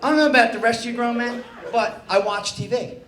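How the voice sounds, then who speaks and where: A man's voice: very high voice, brisk, fairly bright tone. A middle-aged man doing a stand-up routine, telling a story in a profane, exasperated way. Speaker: stand-up comedian. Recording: echoey, noisy room recording.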